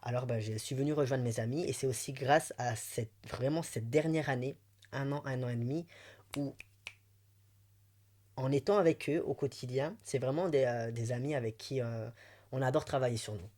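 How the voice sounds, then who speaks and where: A man's voice: mid-range voice, fairly even intonation, normal speed, a little mellow. Belgian guy w a light belgian accent, middle voice, opening up in an interview, emotional and chatty. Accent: Belgian French. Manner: sincere, emotional, chatty with frequent laughs. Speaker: interview guest. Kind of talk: candid personal interview.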